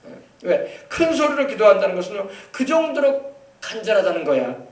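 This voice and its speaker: A man's voice: high voice, sing-song, moderate pace. A male pastor preaching an emphatic sermon, drawing call-and-response from the congregation. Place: church sanctuary. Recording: echoey hall, mic far off.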